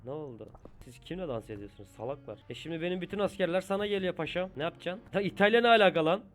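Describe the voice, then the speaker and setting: A man giving casual let's-play commentary on a strategy game, excitable, swearing at and scolding the countries on the map, and chatting with his viewers. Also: on the high side, very fast, faint music behind. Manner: chatty, keeps addressing viewers as "abi". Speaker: gaming YouTuber.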